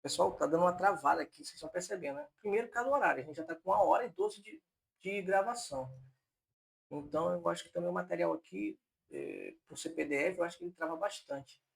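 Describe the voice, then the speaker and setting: Male grammar teacher, fairly high voice with a husky edge, patient repeat-it-back explaining. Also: sing-song, quick pace. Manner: explanatory, repeats points on purpose to fix them. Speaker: Portuguese teacher. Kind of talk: online exam-prep lesson.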